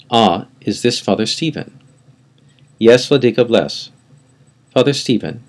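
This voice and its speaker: A middle-aged man, a priest, reading a spiritual talk aloud in a measured, earnest storytelling manner. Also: fairly low pitch, a little mellow.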